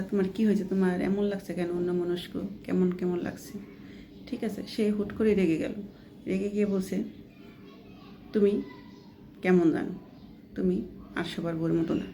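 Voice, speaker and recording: A woman's voice: medium pitch, gravelly, mellow, a little hiss or hum. A woman vlogger telling a first-person story in a casual, chatty way, quoting others as she goes and often adding a checking question. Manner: plainly quotes others within the story.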